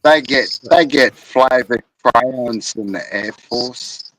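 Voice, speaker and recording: An Australian man in casual conversation. He has a laconic drawl and takes his time over his words, at a markedly slow pace. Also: mid-range voice, a bit bright, no room sound, rough recording. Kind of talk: casual chat.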